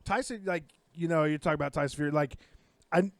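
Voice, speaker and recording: A man's voice: fairly high pitch, a little fast, vocal fry, dry recording. A man co-hosting a casual podcast, talking in an enthusiastic, rambling way. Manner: enthusiastic, rambling wrestling fan. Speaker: podcast co-host. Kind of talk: casual chat.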